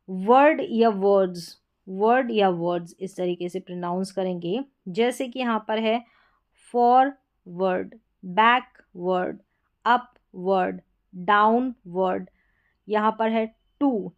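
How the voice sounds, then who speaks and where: Clear-voiced Indian woman teaching pronunciation. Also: mid-range voice. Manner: slow, deliberate, spells words letter by letter. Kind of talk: explaining spelling patterns.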